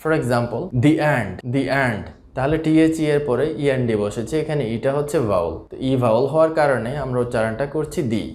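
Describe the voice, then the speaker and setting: A man teaching a spoken English lesson, explaining rules patiently and repeating each example slowly. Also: mid-range voice, darkish tone. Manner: slow, repetitive explanation with drawn-out examples. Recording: echoey room.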